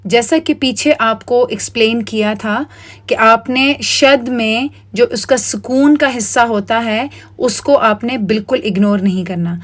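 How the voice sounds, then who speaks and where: A woman with a Pakistani Urdu accent leads a recorded lesson in a slightly high voice. She explains each point patiently and step by step, and she often mixes English words into her Urdu. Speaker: Quran recitation teacher. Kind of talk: recorded online lesson over slides.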